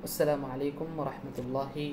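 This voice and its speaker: A woman teaching an online Urdu lesson, spelling words out letter by letter slowly and repeating them. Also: a bass voice, fairly even intonation. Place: indoors at night, city street sounds outside. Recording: echoey room, faint street noise.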